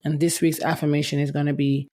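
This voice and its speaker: A young woman's voice, affected by medication, carries her casual solo podcast as she chats candidly and keeps saying "let me tell you." It sits low and darkish with little pitch movement, moving at a quick pace.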